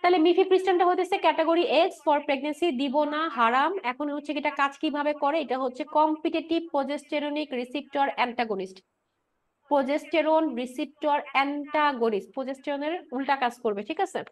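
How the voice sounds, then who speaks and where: A woman's voice: sits high, fairly quick. A woman lecturing on pharmacology. She mixes in English medical terms, asks the class questions and answers them herself, and repeats key points with a checking "right?". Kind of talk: explanatory lecture with quiz questions.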